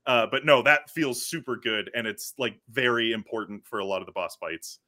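A young man on a casual podcast, talking in halting bursts with frequent restarts. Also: medium pitch, sharp tone. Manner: halting, many restarts and nitpicks. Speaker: podcast co-host. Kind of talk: casual chat.

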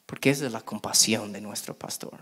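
A middle-aged man preaching a sermon in an animated way, acting out quoted voices with big jumps in pitch. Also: fairly quick, breathy edge. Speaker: pastor.

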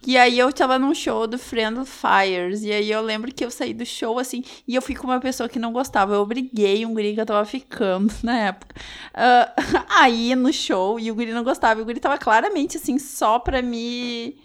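A woman telling an animated anecdote in a casual podcast chat. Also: on the high side, moderate pace.

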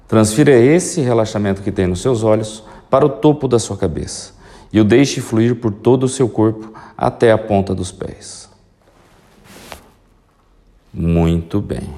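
Low-voiced man soothingly guiding hypnosis over music. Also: warm tone. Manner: slow, soothing instruction, like a sleep story narrator. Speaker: hypnosis guide. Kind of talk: guided hypnosis relaxation narration. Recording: music behind the voice. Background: prominent music.

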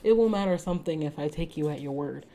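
A woman's voice: sits low, quick pace, warm tone. Woman voicing a boastful, mocking male adventurer. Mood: bold. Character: bold, teasing male adventurer.

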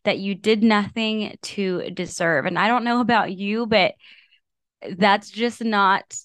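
A woman's voice: medium pitch, fairly even intonation, takes it slowly, fairly bright tone, no echo. A woman co-hosting a Bible study podcast, bubbly and enthusiastic with casual fillers. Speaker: podcast co-host.

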